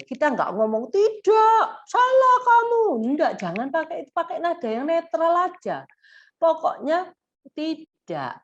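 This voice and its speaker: Animated woman therapist. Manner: animated, acts out high exaggerated example phrases; mixes English words into her talk. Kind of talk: live-streamed parenting lesson. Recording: dull lo-fi stream audio.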